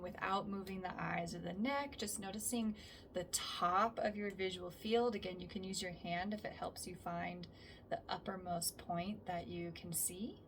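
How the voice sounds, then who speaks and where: Distant-miked woman guiding a calm grounding exercise. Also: lowish voice. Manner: calm and gentle, trailing off softly at phrase ends. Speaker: somatic practice instructor. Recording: distant mic with faint background noise.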